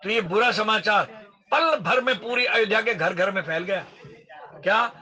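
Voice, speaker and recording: A man giving a devotional storytelling sermon, chanting verses slowly and explaining them in lively speech. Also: high voice. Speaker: Ram Katha storyteller.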